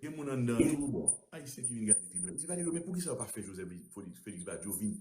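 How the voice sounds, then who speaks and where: Animated low-voiced man retelling. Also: fast, reverberant, crowd noise. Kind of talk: casual talk about a court case.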